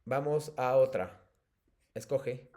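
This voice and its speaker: A man with a Mexican accent, a teacher explaining patiently to his students in an online class, often pausing with fillers. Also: mid-range voice, dark tone. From State of Mexico.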